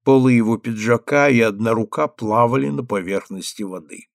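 A man narrating a literary novel as an audiobook, measured and expressive. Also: medium pitch, gravelly, no echo, clean studio sound. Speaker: audiobook reader.

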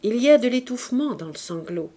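A woman narrating a classic novel aloud in a measured, expressive reading voice. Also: on the high side. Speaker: audiobook reader. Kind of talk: literary narration.

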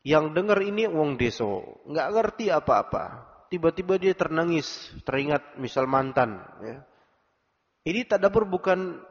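A man giving a religious study lecture, explaining verses phrase by phrase casual colloquial asides. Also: medium pitch. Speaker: Islamic teacher. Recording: dull recording in a reverberant hall.

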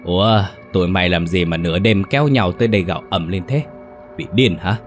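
A man voicing a gruff, bewildered middle-aged master of a house who stammers in shock, in a narrated ghost story. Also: low voice, brisk, faint music behind, close to an everyday voice.

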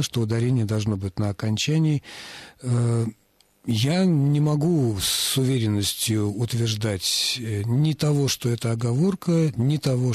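A man, a language expert, giving measured explanations to callers on a radio call-in show, with frequent hesitant fillers. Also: medium pitch, a little mellow, dry recording.

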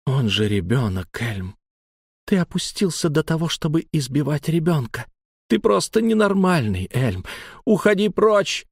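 A man voicing a gentle young female storyteller and singer in an audiobook, soft and pleading. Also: mid-range voice, expressive, normal speed, dry recording, clean studio sound, lightly acted. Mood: angry. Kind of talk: audiobook character voice.

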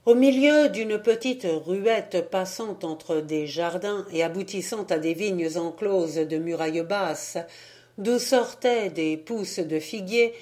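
A woman reading a novel aloud as an audiobook narrator, measured and even. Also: lowish voice. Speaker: audiobook reader. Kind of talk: scripted narration.

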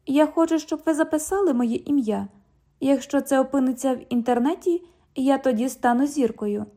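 A woman's voice: high-pitched, moderate pace, mellow. A woman reading an audiobook, voicing a sarcastic, mocking twenty-year-old woman who works as a bank cashier. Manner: mocking, cheeky, parrots the other speaker.

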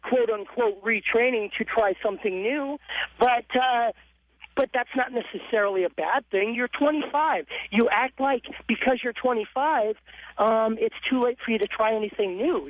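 A forty-year-old man hosting a call-in radio show, lecturing a caller forcefully and stumbling through repeated words. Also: sits high, slight background noise. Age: 40s. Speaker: radio talk show host. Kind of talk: talk radio monologue. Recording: lo-fi radio broadcast.

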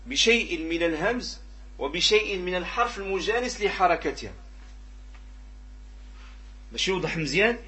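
A man with a Moroccan Arabic accent teaching a tajweed lesson, asking the students questions and repeating pronunciation examples in a drawn-out way. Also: sits high, fairly bright tone. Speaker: Quran recitation teacher.

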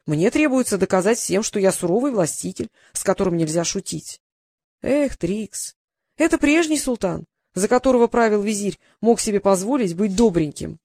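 A woman's voice: mid-range voice, lively intonation, normal speed, darkish tone, no echo. A woman voicing a stern, scheming male sultan in an audiobook, with a dry, ironic, sighing manner. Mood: exasperated. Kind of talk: audiobook character reading.

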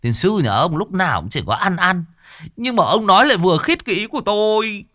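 A man's voice: sits high, big pitch swings, fairly quick, pushed and bright, no echo, voice pushed up, heavily acted. Guy doing a dry grumbling master, scolds his helpers. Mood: teasing. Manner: dry, scolding, world-weary.

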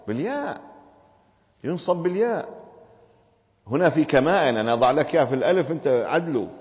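A male teacher leads a class through grammar, firing questions at his students and insisting they explain each answer. His voice sits at an ordinary middle pitch. It carries a long reverb from the classroom around him. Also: a little mellow.

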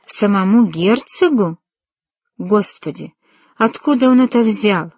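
A woman's voice: mid-range voice, normal speed, darkish tone, dry recording, close to an everyday voice. A woman voicing an earnest, ardent young man in an audiobook, speaking tenderly and resolutely.

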